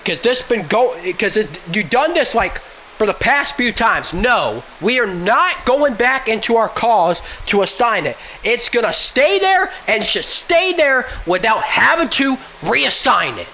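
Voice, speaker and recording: A man's voice: very high voice, sing-song, measured pace, sharp tone, a little hiss or hum, poor audio. A man complaining at length about a buggy video game, exasperated and repeating himself as he pleads for fixes. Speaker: gaming YouTuber. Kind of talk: frustrated game rant.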